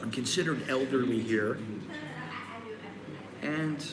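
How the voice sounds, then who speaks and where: An American man in his sixties hosts a casual live stream from a busy coffee shop, offering blunt, rambling advice and frequently restarting. His voice is medium-pitched and slow, and the roomy, crowded cafe is filled with crowd chatter.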